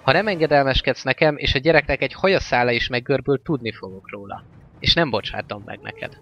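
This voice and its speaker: A man voicing a fierce, weary male orc warlord in a stern, forceful manner, on a slightly dull recording with faint music. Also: medium pitch, lively intonation. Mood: commanding.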